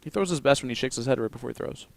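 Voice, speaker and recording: Racing through his play-by-play of a darts match, a man with an Indiana accent jokes around and teases his co-commentator at the tournament's commentary desk. His voice is gravelly and mid-range, with no echo.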